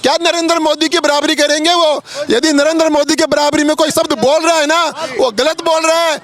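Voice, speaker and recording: A man's voice: extremely high pitch, level tone, a little fast, a bit bright. A man from Jaipur in Rajasthan, answering a street interview in a fervent, emphatic, speech-like way. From Jaipur, Rajasthan, India.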